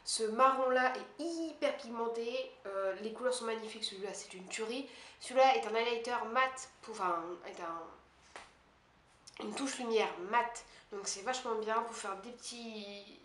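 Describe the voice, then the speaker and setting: Woman, beauty vlogger, fast self-mocking chatter, fairly high voice, roomy echo. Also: a bit bright. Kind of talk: casual monthly favorites haul chat. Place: her apartment. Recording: echoey room with faint hiss.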